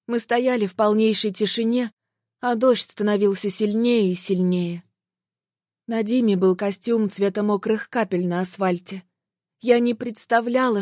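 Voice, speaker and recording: A woman reading a first-person audiobook in an emotional, expressive way. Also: medium pitch, no room sound, studio quality. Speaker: audiobook narrator.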